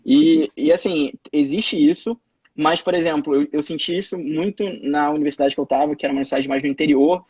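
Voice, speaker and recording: Over a live-streamed video call, a Brazilian guest in his twenties shares stories in a casual interview, full of restarts and repeated words. He speaks a little fast in a steady, slightly high, a little mellow voice with a breathy edge. Captured on a phone or laptop mic, the audio is dry and muffled.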